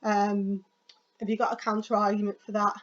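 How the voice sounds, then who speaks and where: A woman teacher giving a casual lesson on writing opinion articles, talking quickly with frequent ums and self-corrections. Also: mid-range voice, level tone. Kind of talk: recorded classroom lesson. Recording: dull lo-fi sound.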